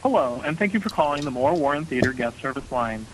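A man's voice: mid-range voice, expressive, fast. A man's recorded answering machine greeting for a theater, played over a phone line in a formal announcing manner. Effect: answering machine message over a phone line. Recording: faint noisy phone line, far off.

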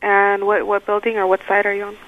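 Polite office receptionist, a woman, on a thin phone line, even middle pitch. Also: a little fast. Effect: heard over the phone.

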